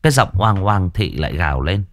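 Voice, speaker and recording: A man telling a ghost story. His low voice swings widely, rising and falling with the drama of each scene. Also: very animated, a little fast.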